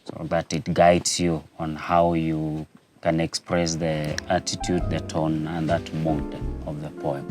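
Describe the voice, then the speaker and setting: A man's voice: a bass voice, flat delivery, takes it slowly, music in the background. A man, a teacher summing up a lesson point in a hesitant way. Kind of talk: exam revision explanation.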